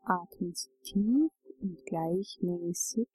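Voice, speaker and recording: Woman, guided meditation, very slow, mellow breathy voice, dry close sound. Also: fairly low pitch, dry recording, rough recording. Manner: slow, calm, soothing instructions. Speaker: relaxation guide.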